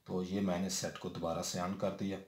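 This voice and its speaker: A man's voice: deep voice, little pitch movement, normal speed. A man talking through a hands-on TV repair step by step, with frequent fillers and check-ins. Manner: explains step by step, many fillers and repeated "theek hai". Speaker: TV repair technician. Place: indoor room at a workbench. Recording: roomy echo with faint noise.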